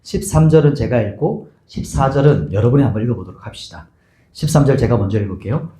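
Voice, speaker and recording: Lively echoing pastor, man preaching. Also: mid-range voice, quick pace, a little hiss or hum. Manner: asks the congregation many rhetorical questions; acts out the scene with voices. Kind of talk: expository sermon. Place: church sanctuary. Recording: echoey church sanctuary.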